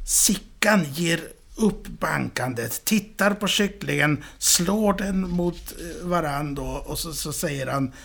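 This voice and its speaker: A man in casual chat, retelling a film scene and acting out the characters' shouted lines. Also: fairly high pitch, lively intonation, creaky, few pauses, breathy edge. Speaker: podcast co-host.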